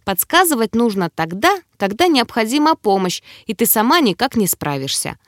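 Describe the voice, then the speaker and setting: A woman's voice: a little high, big pitch swings, moderate pace, dry recording, studio quality. A woman voicing a small, sly male demonic keeper who teases and gloats in a lecherous, wheedling way for an audiobook. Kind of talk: audiobook character voice.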